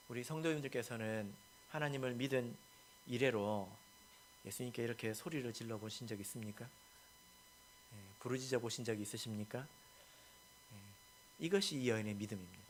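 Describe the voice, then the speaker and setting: A male pastor preaching a sermon, stressing points and asking the congregation questions, with many soft filler words between lines. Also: medium pitch, a little hiss or hum.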